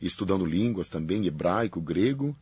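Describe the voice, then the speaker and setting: Calm and explanatory, the male priest repeats his key phrases while answering at length as an interview guest. He comes from Paraná, Brazil, serves as a faculty representative, and speaks at a normal pace in a deep, husky voice.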